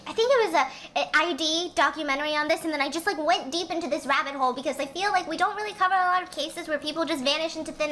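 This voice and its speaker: Brief: a woman vlogger with a high voice, chatty and rambling, telling a true-crime story over a faint hum. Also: bright, forceful tone. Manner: chatty, rambling, with fillers and asides. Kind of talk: casual chat while eating, then storytelling.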